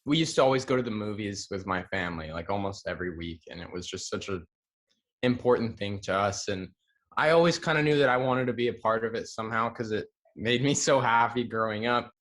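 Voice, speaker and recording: A young man from Hawaii talking as an actor guest, relaxed and chatty with casual slang. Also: on the low side, a little fast. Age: young adult. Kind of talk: casual interview answers.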